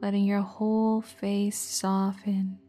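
A woman gently guides a meditation in a soft, breathy, nearly whispered voice of medium pitch and level tone. She speaks in short phrases separated by long pauses, with music in the background.

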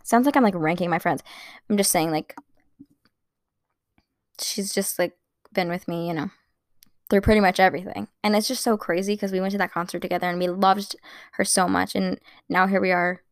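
A young woman in her twenties chatting casually to camera as a vlogger, excitable and gushing, full of "like" fillers. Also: medium pitch, moderate pace, long pauses, dry recording, clean studio sound. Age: 20s.

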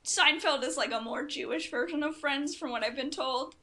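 Casting: young woman, high-pitched, raspy and hoarse as if losing her voice, talkative podcast host. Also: moderate pace, pushed and bright, a little hiss or hum. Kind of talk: casual chat.

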